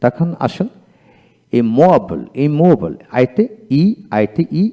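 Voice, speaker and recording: A man's voice: medium pitch, very animated, slow pace, mellow. A man teaching pronunciation, spelling words out letter by letter and repeating each one. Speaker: English teacher.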